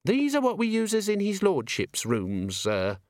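A man's voice: high-pitched, wildly swooping pitch, measured pace, a little mellow, dry recording, clean studio sound, pitched above the performer's own voice, full character voice. A man voicing a nervous, humble young maid in an audiobook, timid and polite. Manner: timid, adds "sir" to everything. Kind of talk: audiobook character voice.

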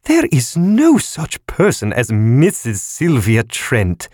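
A man voicing a nagging, scolding creditor balloon in a high squealing pitch. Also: very animated, measured pace, darkish tone, no echo, studio quality. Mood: condemning. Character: shrill nagging creditor balloon, genderless thing.

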